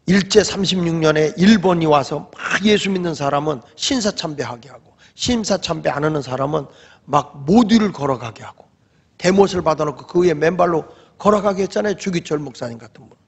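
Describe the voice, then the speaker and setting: Animated preaching man in reverberant church. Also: fairly high pitch, fairly quick, husky, lo-fi sound. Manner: animated storytelling, acting out quoted exchanges in changed voices. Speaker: pastor. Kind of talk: sermon.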